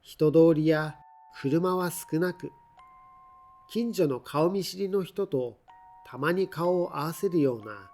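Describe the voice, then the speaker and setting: A man with a fairly high-pitched, darkish voice reads a scripted ghost story aloud. His storytelling is measured and deliberate, with drawn-out phrases.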